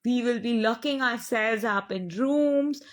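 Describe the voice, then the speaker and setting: A woman's voice: fairly high pitch, measured pace. A woman with an Indian English accent, giving an earnest spiritual monologue in an impassioned, preachy way with lots of repeated phrasing. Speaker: spiritual channel speaker.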